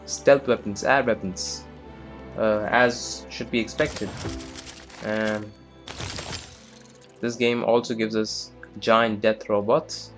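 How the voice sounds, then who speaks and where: A man giving casual, rambling let's-play commentary on a strategy game, with lots of fillers and self-deprecating asides. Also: lowish voice. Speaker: gameplay commentator.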